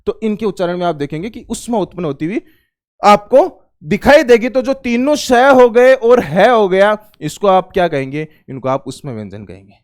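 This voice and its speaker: Guy with a pretty high voice doing a grammar class, keeps asking then answering his own questions. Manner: quizzes listeners with rhetorical questions, then answers them; stresses exam questions and tells students to take notes. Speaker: Hindi grammar teacher. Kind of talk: online exam-prep grammar lesson.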